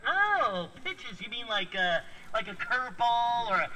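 A man's voice: very high voice, sing-song, unhurried, bright, forceful tone, slight background noise, exaggerated voice, rough recording. A man voicing a goofy, literal-minded male robot sidekick who jokes with a children's audience at a library show. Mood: puzzled, jokey. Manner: jokey, takes words literally. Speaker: puppet robot co-presenter. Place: library event room before children.

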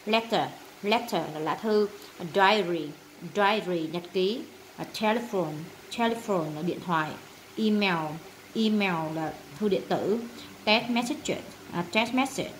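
A woman's voice: mid-range voice, slight background noise, low-quality recording. Woman teacher repeating vocabulary words. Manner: repeats each word, many filler sounds, translates terms one by one. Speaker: English teacher. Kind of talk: vocabulary lesson for students.

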